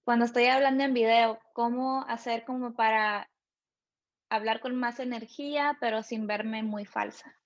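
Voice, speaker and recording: A woman's voice: a little high, a little slow. Woman interviewer on dull lo-fi audio. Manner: calls herself monotone. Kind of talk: podcast interview.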